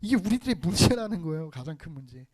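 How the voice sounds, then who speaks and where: A woman's voice: on the low side, very animated, fast talker, a little mellow. A woman giving a sermon to children over a video call, often asking her listeners questions. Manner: asks the listeners many questions. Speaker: preacher to children.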